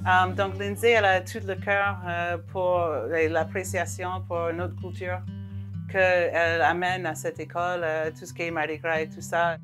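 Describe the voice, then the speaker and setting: A woman's voice: lowish voice, little pitch movement, measured pace. A woman gives candid opinions in an interview. Faint guitar music runs underneath. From Louisiana, United States. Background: soft guitar music.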